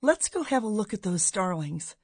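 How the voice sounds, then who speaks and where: A woman's voice: medium pitch, very animated, moderate pace, slightly rough. A woman voicing an older man, a husband who bursts out with joy, in a storybook reading. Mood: elated. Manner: exclaiming, elated. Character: older man, gruff turned joyful.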